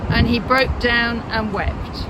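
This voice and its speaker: Very high-voiced man narrating scripture. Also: fairly even intonation, takes it slowly, heavy background noise. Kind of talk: scripture narration in a dramatic reading.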